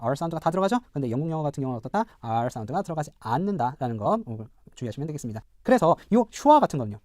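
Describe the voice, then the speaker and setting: A middle-aged man, a professor, giving a recorded pronunciation lecture, explaining step by step, repeating example words slowly and asking checking questions. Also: a little high, darkish tone, no echo, studio quality. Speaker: professor teaching English pronunciation.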